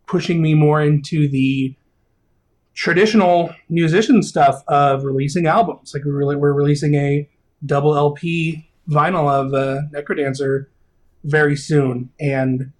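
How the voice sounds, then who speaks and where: A man in his thirties chats as an interview guest, his voice sitting a little higher than most men's. He rambles excitedly, circling back with fillers and restarts. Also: a little slow. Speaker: video game composer, interview guest. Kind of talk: casual interview chat.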